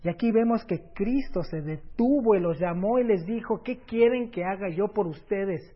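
A man preaching a sermon, swinging between loud emphatic lines and soft, near-whispered words. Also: sits high, moderate pace. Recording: dull lo-fi recording.

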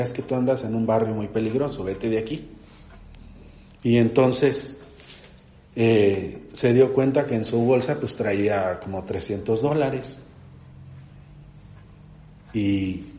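A middle-aged man giving an earnest, fatherly exhortation in a church, pausing often with fillers, then leading a prayer. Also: medium pitch, mellow. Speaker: church speaker. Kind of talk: sermon exhortation closing in prayer. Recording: roomy echo.

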